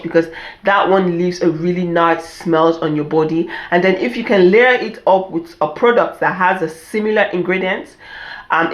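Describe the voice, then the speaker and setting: A middle-aged woman with a stuffed-up, nasal voice from an allergy, chatting casually through an unboxing vlog and repeating her points for emphasis. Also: lowish voice. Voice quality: congested, nasal. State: stuffed-up nose from an allergic reaction. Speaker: beauty and self-care vlogger. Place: indoor room at home. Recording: echoey room.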